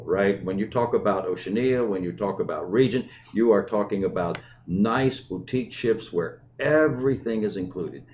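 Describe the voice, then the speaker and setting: A middle-aged man with a lowish voice presents a show off the cuff. He talks conversationally and repeats words to drive points home. Slight noise sits in the recording. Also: a little mellow. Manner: repeats words and phrases for emphasis. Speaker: host of a company community show.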